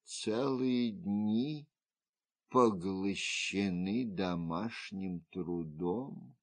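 A man's voice: expressive, no echo. A man voicing a sad, weary noblewoman. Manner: low, slow, tired murmur. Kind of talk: audiobook character reading.

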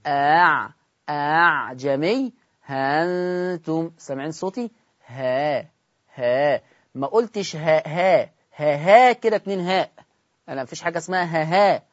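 A man with an Egyptian accent teaching Quran recitation in a broadcast lesson, asking his listeners questions and answering them himself, and drawing out words slowly to demonstrate them. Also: a little high, husky, no room sound. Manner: demonstrates recitation in slow drawn-out sounds. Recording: dull lo-fi broadcast audio.

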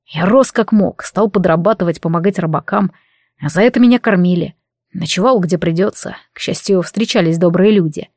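A woman voicing a brooding, gruff male warrior who speaks in a dry, mocking way, in an audiobook. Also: fairly low pitch, brisk, a little mellow, no room sound. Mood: wistful, flat.

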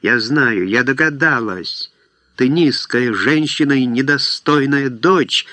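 A man reading aloud voices a proud older noblewoman who scolds her daughter with stern, scornful shouting. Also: mid-range voice, measured pace, no room sound, natural voice. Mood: furious.

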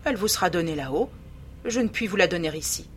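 Reader playing a calm secretive young man, quiet and even, soft music under it. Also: mid-range voice, fast talker, lightly acted.

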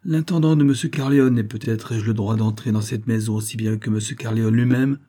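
A man reading aloud and voicing an insolent, self-assured steward who speaks in a slow, mocking way. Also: lowish voice, steady tone, dark tone, natural voice. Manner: mocking, slow and sure of himself.

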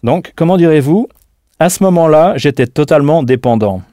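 A man gives a recorded audio language lesson in a calm, patient way. He spells out words letter by letter and pauses to prompt the listener. His voice is mellow and dark, recorded dry and close in a studio. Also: fairly high pitch, dry recording. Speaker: language teacher.

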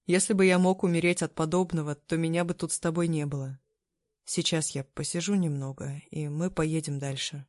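A woman voicing a weary, stoic immortal man who speaks tersely and dryly, with a quiet, slightly mocking manner. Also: low-pitched, fairly even intonation, moderate pace, no room sound, clean studio sound, natural voice. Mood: weak, wry.

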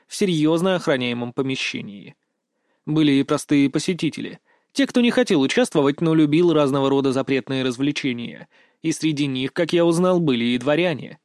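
A man narrating a first-person fantasy story in a steady, even storytelling read. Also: a little high, no room sound, clean studio sound. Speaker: audiobook narrator.

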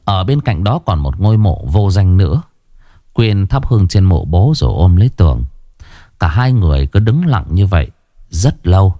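A man's voice: deep voice, no echo, studio quality. A man narrating a crime story in a dramatic, scripted way. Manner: expressive, dramatic.

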